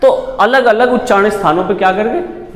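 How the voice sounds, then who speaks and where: With a high voice at normal speed, a male teacher leads exam preparation, putting questions to the class, supplying the answers himself and repeating key words. The room is echoey, with a long reverb.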